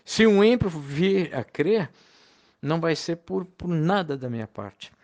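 A man's voice: fairly high pitch, lively intonation, a little slow, darkish tone. A man preaching a recorded sermon to fellow believers, in an earnest, pleading and heartfelt manner.

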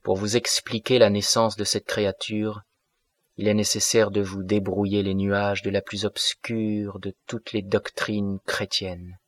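A man's voice: fairly low pitch, little pitch movement, measured pace, dry recording, natural voice. A man voicing a kindly old pastor. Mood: explaining. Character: kindly old male village pastor, pipe smoker.

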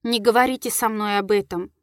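A plaintive, mocking ghost of a young lady in an audiobook, read out by a woman. She speaks softly and sadly, at an ordinary pitch. The recording is dry and close. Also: steady tone, a little fast, no room sound, natural voice.

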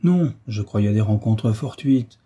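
A man's voice: fairly low pitch, lively intonation, unhurried, dark tone, husky. A man voicing an eager, impulsive young officer in an audiobook reading. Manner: eager, fervent.

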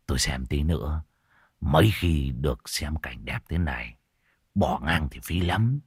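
A man voicing a sly older man who murmurs in a low, conspiratorial way. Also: animated, unhurried, breathy edge, no echo, clean studio sound, heavily acted. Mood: sly hush.

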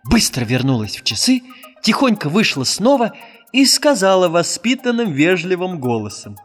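A man narrating a children's fairy tale, in a lively, expressive storybook style. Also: sits high, normal speed, faint music behind. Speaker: audiobook narrator.

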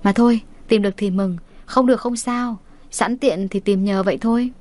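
A woman's voice: mid-range voice, steady tone, normal speed, a little mellow, lightly acted. A woman voicing a homely mother who talks in a casual, offhand way.

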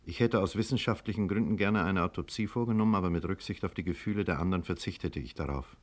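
This 1950s German radio play with music features an actor as a grave, wary physician narrating a disaster in somber tones. His male voice is low-pitched, and his delivery is measured and deliberate, with carefully chosen wording.

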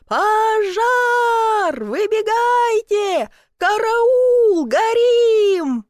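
A woman voicing a panicky, useless man neighbor who wails and shouts in a high strained voice. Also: big pitch swings, very slow, no room sound, clean studio sound, exaggerated voice. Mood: panicked shouting.

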